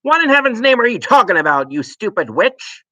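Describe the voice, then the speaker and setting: A man voicing a furious, blustering middle-aged father who yells in high, strained shouts. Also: sing-song, brisk, no room sound, full character voice, rough recording. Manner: yelling, indignant.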